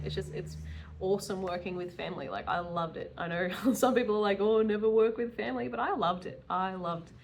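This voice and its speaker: A woman in her early thirties, a self-employed dog groomer who vlogs, chats in a rambling, candid, casual way and makes self-deprecating asides. Her voice is medium-pitched, with a slight hiss or hum in the audio.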